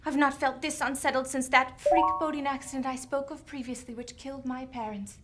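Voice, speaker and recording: A woman's voice: sits high, fairly even intonation, brisk, soft background music, natural voice. A woman playing a melodramatic damsel in distress in a noir parody, earnest and theatrical. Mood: anguished. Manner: earnest, theatrical, overdramatic delivery. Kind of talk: noir parody audio drama.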